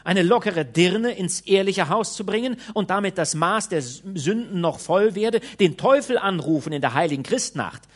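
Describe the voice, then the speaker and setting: A man's voice: lowish voice, fairly even intonation, unhurried, a little mellow, voice pushed down. A man reading an audiobook voices an old woman housekeeper who stammers and scolds indignantly. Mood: indignant scolding.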